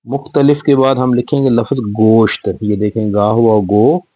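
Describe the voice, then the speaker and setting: Spelling each word one letter at a time, a male Urdu teacher patiently repeats himself for young children learning to read and write. His mid-range voice is steady and dark, his pace moderate, and the recording is dry.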